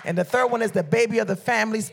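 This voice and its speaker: Middle-aged man from liberia, fired-up sermon, keeps calling for amens, pretty high voice. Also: rapid-fire, creaky, a bit bright, slight background noise. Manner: fervent call-and-response, frequent "amen, somebody" exhortations. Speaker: preacher.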